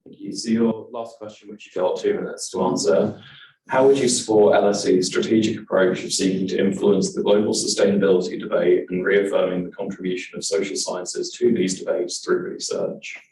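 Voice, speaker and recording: Very low voiced man reading out hustings questions, formal, echoey hall from afar. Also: little pitch movement, a little fast, darkish tone. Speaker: moderator. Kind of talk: chairing a hustings. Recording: echoey room from far off, faint hiss.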